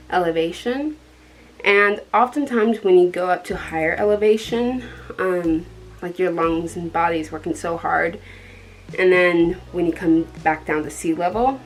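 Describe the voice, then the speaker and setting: A young vlogger from Colorado talks casually to the camera, rambling along with many ums and soft laughs. Her voice is lowish with a dark tone.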